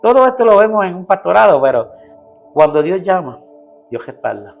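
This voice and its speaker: A man's voice: sits high, big pitch swings, normal speed, gravelly, highs cut off, faint music behind. A man, a pastor, telling his personal testimony in an interview, earnestly, acting out what people said to him. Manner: earnest storytelling, acting out quoted dialogue.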